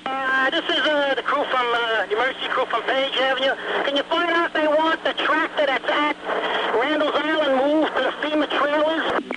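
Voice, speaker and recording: Very high-pitched man on a noisy radio. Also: steady tone, moderate pace. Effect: two-way radio. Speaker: emergency crew radio caller. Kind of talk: radio status request.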